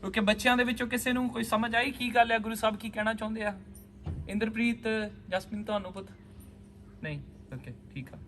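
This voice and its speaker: High-voiced man teaching a scripture class. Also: a little fast, fairly bright tone, slight background noise. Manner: patient, calls students by name, asks questions. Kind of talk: class lesson mixing Punjabi and English.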